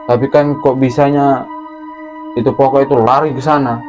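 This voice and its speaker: A man's voice: medium pitch, moderate pace. A man telling a true horror story in casual talk, acting out screams and crashing sounds. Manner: animated, acts out screams and sounds. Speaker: guest storyteller. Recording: muffled audio with music underneath.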